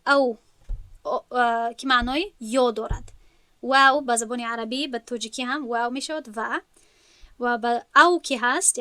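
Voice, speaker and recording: A woman with a Tajik accent and a high, bright voice teaches a grammar class. She talks patiently, taking each point step by step and going back over the terms. The recording is dry and close, with no echo. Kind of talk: online lesson.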